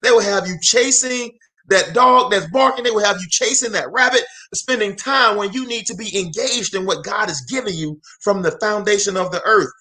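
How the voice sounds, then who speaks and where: A man's voice: high voice, normal speed, sharp tone. A man in his forties giving a fervent live motivational talk in a preacher-like cadence, repeating phrases for emphasis and calling out to viewers. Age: 40s. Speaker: motivational speaker and host.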